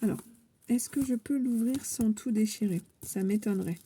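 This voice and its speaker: A woman vlogging about scrapbooking, showing and praising crafts she received while handling paper, with warm repeated compliments and frequent hesitations. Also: a little high, normal speed, a little hiss or hum. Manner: enthusiastic, repeats her praise, many hesitations. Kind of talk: casual show-and-tell vlog.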